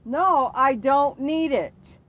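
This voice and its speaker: A woman's voice: high voice, slow, a bit bright. A woman customer speaking firmly and indignantly in a complaint call, insisting on her point. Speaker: customer calling to dispute a charge. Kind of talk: phone complaint conversation.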